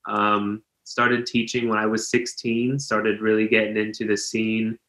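Bright-voiced young man in a roomy space. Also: on the low side, monotone, measured pace. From Pennsylvania, US. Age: 20s. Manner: friendly, uses lots of ums. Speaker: guest, professional dancer. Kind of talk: casual interview chat. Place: indoor living room. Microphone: video call webcam.

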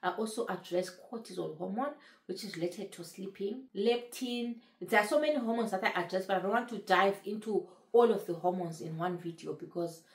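Gravelly-voiced woman in her thirties, echoey room. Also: mid-range voice, fairly quick. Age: 30s. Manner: earnest, repeats phrases for emphasis. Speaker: vlogger sharing her weight-loss journey. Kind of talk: casual talk to camera.

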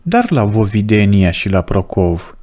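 A man reading as a calm, questioning monk. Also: on the low side, voice pushed down. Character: calm, inquisitive male monk.

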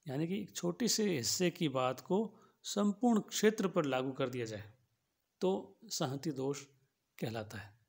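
A man giving a logic lesson, explaining patiently and restating each point in simpler words with everyday examples. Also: high-pitched. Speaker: philosophy teacher. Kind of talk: lecture on logic.

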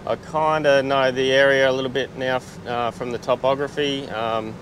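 A man's voice: medium pitch, level tone, normal speed, noisy background. An Australian man chatting casually through a travel vlog on a beach, laid-back, with lots of fillers and restarts, recorded outdoors on a small camera-mounted mic. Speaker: travel vlogger.

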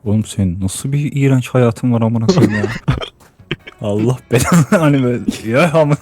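A man's voice: mid-range voice, moderate pace, a little mellow, no room sound, faint music behind. A man bantering casually with friends in a game voice chat.

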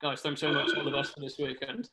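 A man's voice: medium pitch, flat delivery, quick pace, pushed and bright. A man asking press interview questions as a sports reporter.

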